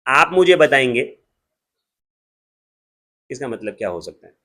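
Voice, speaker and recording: A man with an Indian accent teaching an accountancy class in a joking, lively way, slowing down to dictate definitions. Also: mid-range voice. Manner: lively, joking, switches between Hindi and English, slows down to dictate definitions. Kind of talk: classroom lecture.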